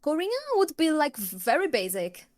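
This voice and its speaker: Very animated and high-voiced, this young woman from Brazil talks at a measured pace in a casual interview about her K-pop cover singing. Portuguese is her native language and her accent is Brazilian Portuguese; she frequently restarts sentences and searches for words.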